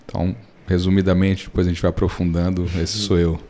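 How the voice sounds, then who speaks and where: A Brazilian man in his thirties with a fairly low voice, talking as a lawyer on a podcast. He explains things patiently and at length, leaning on everyday examples to make his point. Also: level tone, fairly quick, mellow. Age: 30s. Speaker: lawyer and guest. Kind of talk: relaxed podcast interview.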